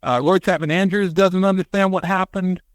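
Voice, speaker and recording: A man on a podcast, retelling a story in casual chat, animated and acting out quotes with casual swearing. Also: high-pitched, moderate pace, no echo. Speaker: podcast co-host.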